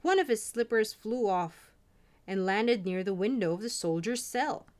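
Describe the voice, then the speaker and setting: A woman reading a fairy tale aloud in an expressive, animated storytelling manner. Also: mid-range voice, unhurried.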